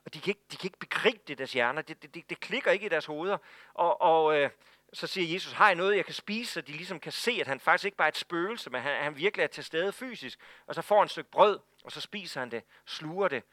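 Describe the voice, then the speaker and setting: A male pastor preaching a sermon, telling the story in an animated way with frequent stammered repeats. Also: on the high side, no echo.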